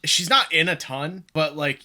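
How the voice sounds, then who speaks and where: Male co-host, keyed-up movie fan, bright ringing tone, casual and profane. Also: on the high side, a little slow. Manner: excitable, swearing, many restarts and fillers. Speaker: podcast co-host. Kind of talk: casual movie review chat.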